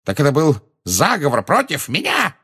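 A man voices a blustering, pompous middle-aged minister who gleefully gloats and barks his words in shrill exclamations. It is a full character voice, creaky and very slow, with huge pitch swings.

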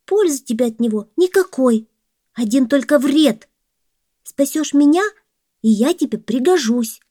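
A woman voicing a tiny, eager mouse in a high, chirpy voice in a storybook tale. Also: lively intonation, a little slow, warm tone, dry recording, studio quality. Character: tiny squeaky female mouse, eager to help.

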